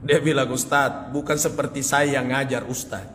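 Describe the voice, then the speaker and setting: A man's voice: medium pitch, normal speed, slight background noise. A male preacher telling a story in a sermon, acting out the quoted dialogue. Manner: animated, acts out quoted dialogue with laughter. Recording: reverberant hall, faint ambience.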